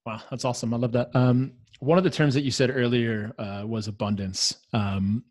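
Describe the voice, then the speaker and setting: A man's voice: medium pitch, fairly even intonation, normal speed, a little mellow, dry recording. Podcast host guy, mid voice, dry close sound, curious and encouraging. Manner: encouraging, curious, with many short affirmations. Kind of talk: interview questions and short reactions.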